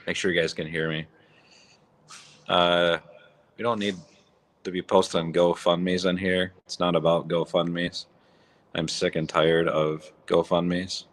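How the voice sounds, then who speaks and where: A man runs a casual livestream from a barn that makes his voice echo, using a phone or app microphone. He speaks slowly with long pauses, his low, slightly bright voice fairly even in intonation, and his talk is raw, blunt and rambling.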